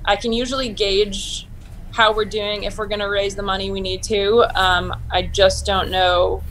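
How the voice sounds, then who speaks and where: A woman in her thirties talks brightly about her sailing over a home video call. She is chatty and upbeat and fills pauses with ums. Her voice sits in a middle pitch, with a faint hiss of noise under it. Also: level tone. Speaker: Olympic sailor, guest. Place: home room, indoors.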